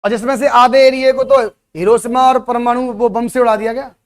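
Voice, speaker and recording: A man's voice: very high-pitched, steady tone, a little fast. A man teaching at a coaching center, giving a motivational classroom talk and throwing rhetorical questions at his students.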